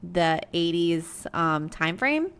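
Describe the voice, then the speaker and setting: A young adult woman co-hosts a podcast in relaxed conversation, laughing often and leaning heavily on "like" as a filler. Her lowish voice is smooth, slow and sing-song, with a fairly bright tone.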